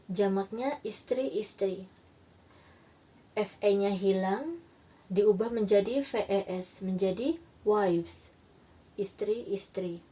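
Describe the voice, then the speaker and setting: A woman teaching an English grammar lesson, slowly spelling out letters and repeating each example word. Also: medium pitch, mellow, breathy edge, far from the mic. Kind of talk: slow, careful grammar lesson.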